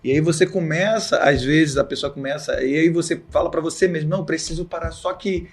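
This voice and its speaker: A man's voice: fairly high pitch, steady tone, brisk, slightly rough. A man with a Brazilian Portuguese accent hosting a podcast, supportive and often affirming his guest. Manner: supportive, frequent affirming backchannels. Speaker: podcast host. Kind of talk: talk show conversation.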